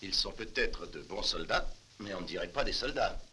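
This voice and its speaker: A man playing a sober, skeptical lieutenant in a dubbed adventure film, speaking in a measured, reserved way. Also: deep voice, lively intonation, bright, forceful tone, slight background noise, full character voice. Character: sober, skeptical male lieutenant recounting an expedition. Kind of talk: dubbed film dialogue and narration.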